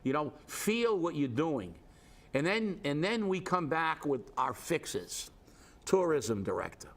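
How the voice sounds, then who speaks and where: A stuffed-up man with a head cold co-hosts a local talk show, ranting with sarcasm and indignation and restarting a lot. His voice is fairly high, slow and sing-song.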